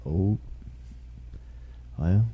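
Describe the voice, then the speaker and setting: A man hosting a podcast in casual chat, with a relaxed Southern drawl, rambling and quick to laugh. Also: breathy edge, muffled recording. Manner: laid-back, laughs easily, rambling pitches for support. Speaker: podcast host.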